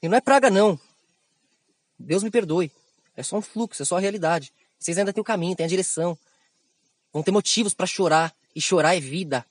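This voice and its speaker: Brazilian man, high pitch, dry close sound, animated esoteric teacher who slips into slang and mimics others. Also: a little fast, long pauses, no echo. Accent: Brazilian Portuguese. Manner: animated, slangy, acts out quotes in raised voices. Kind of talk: esoteric spiritual monologue.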